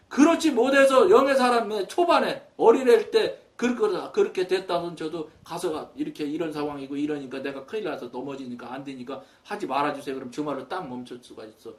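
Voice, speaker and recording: A middle-aged man preaching a sermon, telling a story with quoted dialogue, with emphatic rises and soft drops. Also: fairly high pitch, recorded from a distance. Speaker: pastor.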